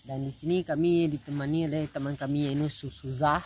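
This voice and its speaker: A man hosting an informal outdoor night exploration vlog, talking haltingly as he addresses his viewers as friends. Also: a little high, little pitch movement, darkish tone. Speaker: vlog host. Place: outdoors at night in rice fields. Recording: outdoor night recording with insect noise.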